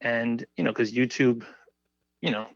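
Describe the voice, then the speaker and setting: A man chats as a podcast guest, rambling and leaning on "you know" and "like." His voice sits at an average pitch. The recording is dull, lo-fi and muffled, but close and dry. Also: fairly even intonation, measured pace, gravelly, no room sound. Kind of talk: casual conversation.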